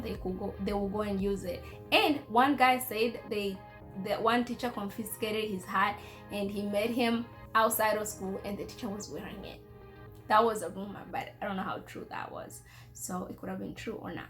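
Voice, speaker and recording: A young woman from Congo chatting informally and telling personal stories with playful asides. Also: mid-range voice. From Congo, schooled in Kenya. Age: young adult. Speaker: vlogger sharing personal experiences. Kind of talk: casual storytelling chat.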